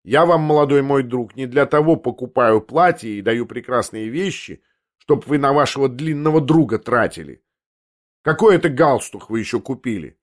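A man's voice: medium pitch, expressive, moderate pace, close to an everyday voice. A man voicing an irritable, domineering young man who snaps and rants. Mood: irritated. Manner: irritable, snapping.

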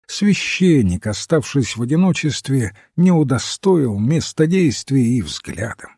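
Brief: male audiobook narrator, unhurried and dark-toned, close dry sound. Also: medium pitch, very animated, breathy edge, no echo. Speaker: audiobook reader. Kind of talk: scripted narration of a detective story.

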